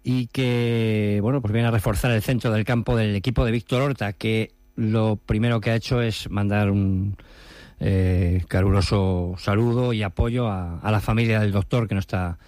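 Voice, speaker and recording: A man's voice: on the low side, fairly even intonation, moderate pace, darkish tone, dry recording. A man reporting sports news on the radio in a conversational way with fillers.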